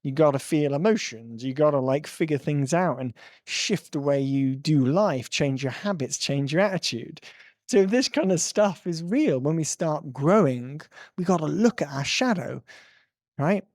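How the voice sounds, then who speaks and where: A man's voice: fairly high pitch, lively intonation, measured pace, darkish tone, no echo, studio quality. A male tic coach giving an earnest, rambling talk with frequent laughs. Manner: earnest, ranting, breaks into laughs. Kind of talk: casual monologue commentary.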